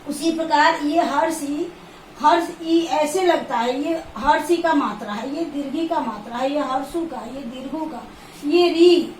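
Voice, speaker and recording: A woman teacher giving a slow grammar lesson, repeating and counting points aloud. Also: high-pitched, far from the mic, slight background noise. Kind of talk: classroom lesson. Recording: echoey room, voice from off the mic.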